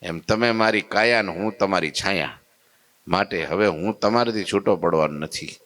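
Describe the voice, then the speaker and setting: A man preaching a devotional sermon in a temple. He tells the story with lively rhetorical asides to his listeners. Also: deep voice, moderate pace.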